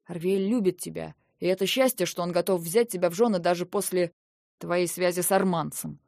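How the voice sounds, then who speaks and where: A woman's voice: lowish voice, steady tone, brisk, vocal fry, darkish tone, dry recording, studio quality. A woman reading the lines of a young prince who firmly reasons with and pleads with his sister in an audiobook. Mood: persuading. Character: young male prince, weary stern older brother.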